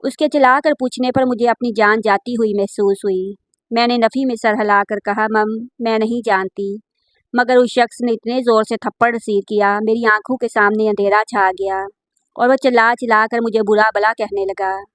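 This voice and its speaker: A woman's voice: a little high, fairly even intonation, moderate pace, dry recording. A woman telling an emotional first-person story as scripted narration, in an earnest, feeling way.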